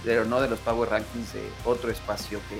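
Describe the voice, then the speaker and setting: A man giving analytical sports commentary in a talk show, phrasing his points deliberately. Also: fairly low pitch, level tone, faint music behind.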